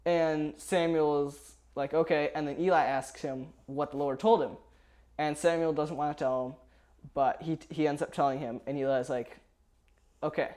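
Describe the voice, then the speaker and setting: A young man with a drawl talks through a Bible story among friends on a podcast. His voice sits a little higher than most men's, and he stops often to restart his sentences. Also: steady tone, moderate pace, darkish tone. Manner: rambling, hesitant, many fillers and restarts. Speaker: podcast co-host. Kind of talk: casual chat, summarizing a Bible chapter.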